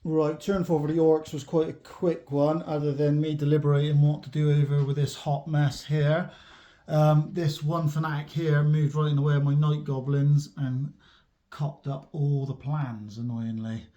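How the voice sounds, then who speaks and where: A man casually recapping his army's turns in a tabletop battle report, chatty and quick to laugh. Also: a little high, flat delivery, mellow, highs cut off.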